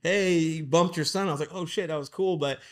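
A man's voice: fairly high pitch, brisk. A man hosting a casual podcast chat, telling a chatty story about his son and laughing along. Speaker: podcast host, father.

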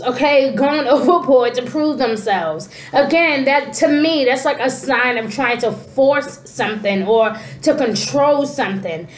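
Here a woman in her forties reads tarot casually to camera, her high voice thick with congestion from a stuffy nose. She uses animated hand gestures and frequently says "you know" and "okay," while the desk-distance camera picks up the echo of her small, roomy-sounding room.

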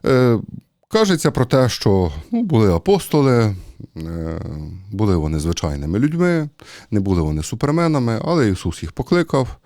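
A man with a low, mellow voice preaches a homily in an easy, talky way. He stops often with fillers as he thinks aloud. The sound is close and dry, with no room echo. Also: sing-song, normal speed. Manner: conversational, hesitant with many fillers. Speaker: priest. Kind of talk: sermon.

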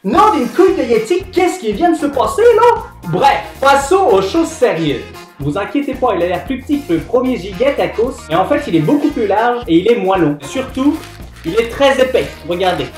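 A man putting on a put-on Québécois accent as a greedy, excitable young Canadian guy in a comic food-tasting vlog, loud and theatrical. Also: very high voice, normal speed. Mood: gleeful. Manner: loud, theatrical, shrieking exclamations. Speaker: YouTuber doing food challenges. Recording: echoey room, faint background music.

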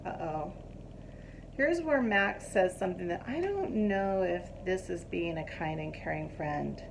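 Woman teacher, middle-aged, storybook read-aloud, lively up-and-down voice, asks kids questions. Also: fairly low pitch, a little slow, creaky, a little hiss or hum. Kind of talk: reading a picture book aloud to a class.

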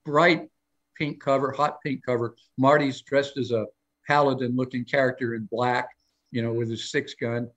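A man's voice: medium pitch, steady tone, moderate pace, a bit bright, lo-fi sound. An older man spins long anecdotes in a loose, rambling way, circling back and restarting as he goes. He leans into quoted lines with a lifted voice, then drops back to an easy conversational tone. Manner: acts out quoted lines in a raised voice. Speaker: guest storyteller on a live show. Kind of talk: casual live interview chat.

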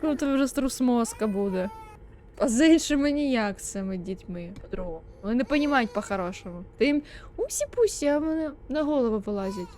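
A woman's voice: a little high, animated, fairly quick, warm tone. A woman streamer giving let's play commentary, sarcastic and swearing as she mocks the game's baby. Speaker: gaming streamer.

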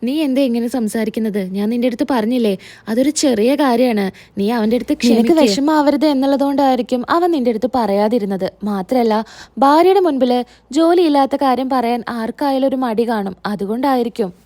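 A woman voicing a gentle middle-aged mother who soothes and reasons with her upset daughter. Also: on the high side, quick pace, no echo, close to an everyday voice. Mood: reasoning.

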